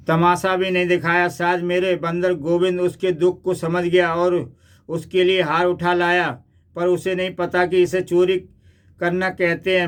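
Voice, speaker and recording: A man's voice: high voice, clean tone. A man voicing a poor male street monkey-trainer who pleads defensively.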